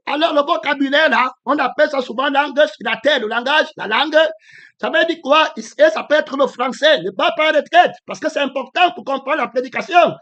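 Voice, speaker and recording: A pastor, a man, delivers a sermon in a voice pitched unusually high for a man. His tone is bright and tense as he circles back over each point. He pauses, restarts and strings his thoughts together with "alors, donc". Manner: halting, repeats himself, strings ideas with "alors, donc".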